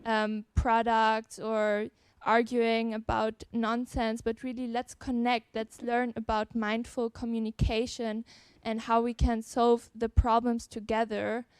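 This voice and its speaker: A young woman from Switzerland speaks earnestly on a panel, pausing softly as she gathers her thoughts. Her voice is smooth and clear, with a fairly flat melody. The sound is close and dry. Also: on the high side, no room sound. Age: young adult. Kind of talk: personal statement on a panel.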